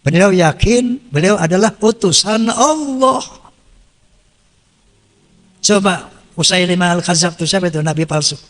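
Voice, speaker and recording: High-pitched guy preaching, lots of echo like a big hall, reads arabic verses then explains them, asks questions and answers them himself. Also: normal speed, pauses often, fairly bright tone. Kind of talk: sermon. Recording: reverberant hall sound.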